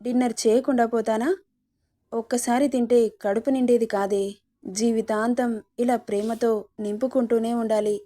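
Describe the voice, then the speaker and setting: A woman's voice: on the high side, steady tone, moderate pace, warm tone, lightly acted. A woman voicing a playful young husband, a doctor, in a storybook reading, with sulky, teasing banter.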